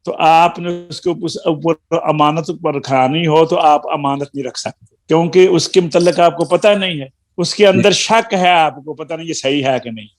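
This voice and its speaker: Patient, slightly high-voiced male recitation teacher. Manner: patient, explains step by step, drawn-out syllables, gentle teasing. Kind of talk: live classroom lesson.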